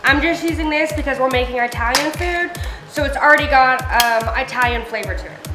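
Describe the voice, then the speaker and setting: High-pitched woman chatting through home cooking. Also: fairly quick. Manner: informal, rambling, swears casually. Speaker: home cooking video host. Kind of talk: casual, chatty cooking tutorial. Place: home kitchen, indoors. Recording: echoey room with background music.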